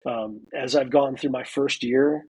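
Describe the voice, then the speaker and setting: An American man in his forties, a military veteran now attending college, tells a story in a casual interview. His mid-range voice is mellow and slightly rough, fairly even and a little slow, full of "you know" fillers and acted-out quotes. The audio is poor.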